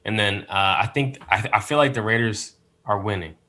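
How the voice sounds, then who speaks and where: Lower-voiced bright guest storyteller. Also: male voice, moderate pace. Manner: rambling storyteller with many fillers, rueful. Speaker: podcast guest. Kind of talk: casual chat.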